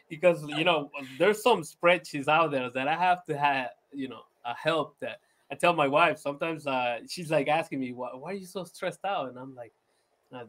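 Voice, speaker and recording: This man's voice sits on the high side with a fairly bright tone. He's a laid-back, chatty podcast guest, Venezuelan by birth, who laughs a lot and fills his casual interview chat with "you know" and restarts.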